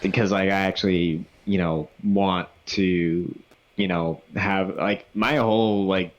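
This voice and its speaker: Twenties male co-host, lowish voice, frank storytelling with cursing. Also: unhurried, dull audio. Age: 20s. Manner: candid, swearing, animated storytelling. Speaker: podcast co-host. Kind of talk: casual chat.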